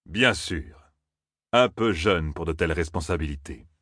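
A man voicing a smooth-talking, calculating captain. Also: low-pitched, animated, unhurried, fairly bright tone, no room sound, clean studio sound, heavily acted. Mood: courteous. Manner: smooth, courteous and probing. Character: flattering, calculating male army captain.

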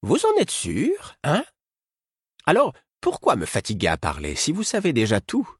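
A woman's voice: deep voice, wildly swooping pitch, normal speed, breathy edge, no echo, studio quality, pitched above the performer's own voice, full character voice. A man voicing a stern, curt older woman who scolds sharply.

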